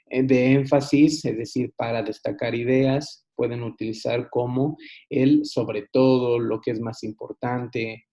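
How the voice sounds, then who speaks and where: A man giving a recorded online lesson, unhurried, with frequent hesitations and restarts. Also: mid-range voice, warm tone. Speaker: teacher. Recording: dull lo-fi recording.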